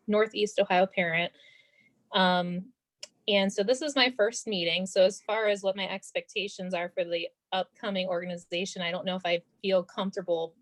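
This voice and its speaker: A woman blogger introducing herself at an online meeting, friendly and a little tentative. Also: lowish voice.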